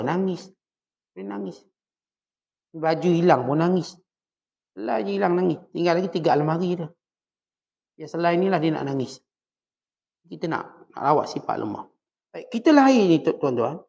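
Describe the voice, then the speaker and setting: Gravelly Malaysian preacher, dull recording. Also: male voice, fairly high pitch, a little mellow. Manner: rhetorical questions answered himself, repeated punchy one-word refrains. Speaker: religious teacher. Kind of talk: religious class lecture.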